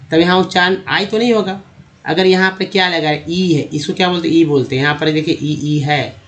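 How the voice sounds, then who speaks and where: A man explains how to read English words, talking to his viewers as friends. His voice sits a little high for a man. He stretches out vowel sounds and often asks a question, then answers it himself. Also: fairly bright tone. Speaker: English teacher. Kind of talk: spoken lesson on reading English.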